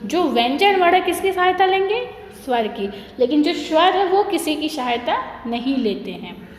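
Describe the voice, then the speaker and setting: A woman's voice: high-pitched, very animated, moderate pace. A woman teaching a Hindi grammar lesson, asking questions and answering them herself, drawing out each letter sound. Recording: echoey room, long reverb.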